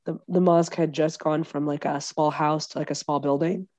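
A woman from Egypt, a lawyer and comedian, chatting as a podcast guest, animated and joking with lots of fillers. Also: sits low, moderate pace, dry recording. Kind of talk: casual conversational interview.

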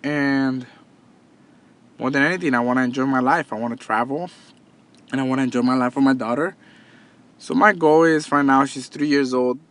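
Speaking at a normal speed with long pauses, a man with a fairly bright, mid-range voice gives a casual motivational monologue. He is a podcast host and entrepreneur in his thirties who talks earnestly, often restarting and repeating himself.

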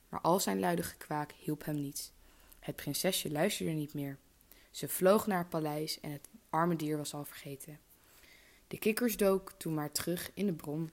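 Casting: low-voiced woman, measured fairy-tale storyteller. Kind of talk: reading a fairy tale aloud.

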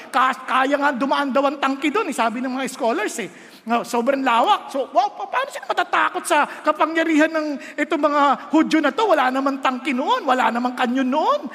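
High, bright-voiced preacher in a hall. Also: male voice. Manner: animated, rising to shouts, slows when reading scripture. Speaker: pastor. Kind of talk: sermon. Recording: long hall reverb.

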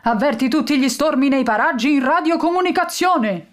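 A woman's voice: high-pitched, animated, moderate pace, pitched above the performer's own voice. A woman voicing a brave male pigeon lieutenant who barks military orders. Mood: commanding.

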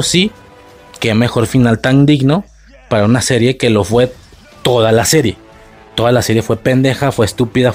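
A man's voice: medium pitch, a little mellow. A man with a Mexican accent ranting sarcastically and profanely in a casual video review, with faint music behind.

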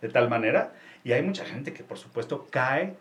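A man's voice: mid-range voice, expressive, normal speed, a bit bright. Mexican man explaining coaching. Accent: Mexican Spanish. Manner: explanatory, with frequent restarts and tag questions. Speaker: executive coach, company founder. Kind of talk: casual interview talk.

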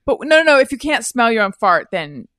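A podcast host with a slightly high voice speaks fairly quickly in a dry, clean studio recording. She hosts a casual comedy chat as an animated storyteller, acting out quotes and laughing often.

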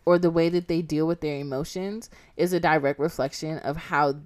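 A woman's voice: low-pitched, fairly even intonation, moderate pace, a little mellow. A woman co-hosting a casual relationship chat, frank and blunt, with casual swearing. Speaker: podcast co-host.

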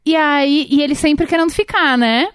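A Brazilian woman in her thirties with a slightly high voice tells a long personal story. She talks casually and rambles through fillers and restarts. The sound is dry and close, with no room around it. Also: normal speed, no room sound. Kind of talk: casual chat.

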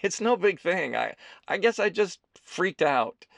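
A man voicing a gentle, shy young man who talks haltingly. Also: sits high, big pitch swings, gravelly, no echo, pitched above the performer's own voice, exaggerated voice. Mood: unsure. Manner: hesitant, halting.

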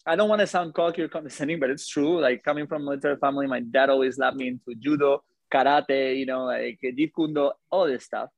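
A man telling a personal story to a live audience in an animated, conversational way, often checking in with listeners. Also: medium pitch, quick pace, creaky, few pauses, no room sound.

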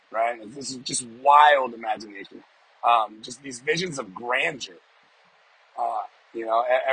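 A man with a smoker's voice giving an informal, off-the-cuff devotional, speaking haltingly and repeating phrases for emphasis inside a car. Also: mid-range voice, bright, forceful tone, husky, rough recording. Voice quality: smoker's voice with occasional cough. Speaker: podcast host giving a devotional. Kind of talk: informal off-the-cuff sermon and prayer. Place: inside a parked small car.

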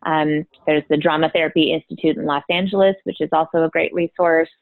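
Low-voiced woman on a tinny line. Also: fairly even intonation, fairly quick, creaky, no room sound. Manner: explanatory, often adds "right?". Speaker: drama therapist guest. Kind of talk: conversational podcast interview. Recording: phone-like dry line.

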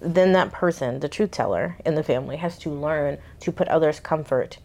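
Low gravelly woman therapist, measured. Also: a little mellow. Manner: reflective, slow and measured, drops into playful scolding. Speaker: therapist, co-host. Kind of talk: casual reaction chat.

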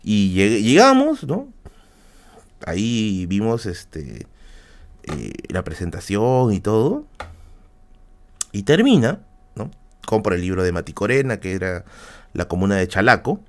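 Lively Peruvian man telling a story. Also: on the low side, a little slow, long pauses. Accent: Peruvian Spanish. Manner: slangy and rambling, with many fillers and check-ins to the audience. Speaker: streamer telling anecdotes. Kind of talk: casual storytelling on a live stream.

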